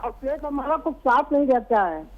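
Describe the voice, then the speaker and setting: A man calling in to the show, talking earnestly and haltingly about his ailments over a faint phone line. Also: very high-pitched, expressive, slight background noise. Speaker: caller. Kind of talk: phone call.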